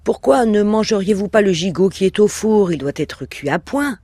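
A man voicing a sweet, scheming young housewife in a high, pleading voice. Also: animated, normal speed, warm tone, no room sound. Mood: sweetly coaxing. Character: young housewife, sweetly cunning, tearful on demand.

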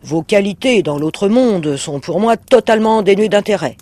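A greedy horned demon with a cunning, impatient streak, as a male reader puts him on. The voice sits high and pushes loud, swinging between sly coaxing and outright shouting. It belongs to a storybook reading. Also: expressive, moderate pace, breathy edge, dry recording. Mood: scornful. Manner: sly, blustering, sometimes shouting. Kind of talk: audiobook reading.

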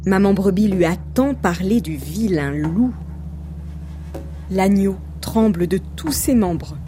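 A woman reading a children's storybook aloud in a gentle, calm way. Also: mid-range voice, slow, a little hiss or hum. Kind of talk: scripted storybook narration.

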